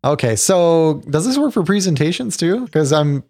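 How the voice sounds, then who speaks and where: A man's voice: a little high, very animated, normal speed, darkish tone. Joking male podcast host. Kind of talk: casual tech podcast chat.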